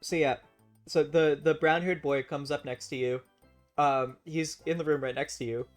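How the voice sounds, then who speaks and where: A woman's voice: deep voice, steady tone, moderate pace, faint music behind. A woman running a tabletop game as game master, narrating loosely with many fillers and frequent laughter.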